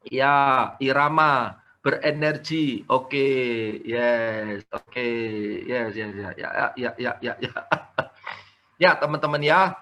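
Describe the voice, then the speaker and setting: A man teaching a live online sales training, energetic and coaxing participants to type answers in the chat. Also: medium pitch. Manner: mixes in English words.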